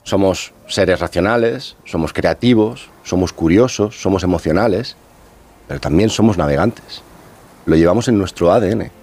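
Low-voiced male expert guest, radio interview, steady explainer. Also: faint music behind. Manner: measured, patient explaining with pauses. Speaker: underwater archaeologist, interview guest.

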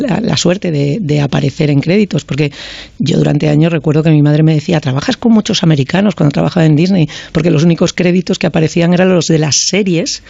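Gravelly, mellow-voiced man musing aloud. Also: a little high, no room sound, muffled recording. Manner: hesitant, repeats words while searching for phrasing. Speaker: screenwriter, panelist. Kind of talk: casual radio discussion.

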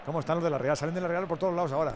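A man hosting a sports radio show with lively, jokey banter, repeating phrases for effect. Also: a little high, very fast, noisy background. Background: music.

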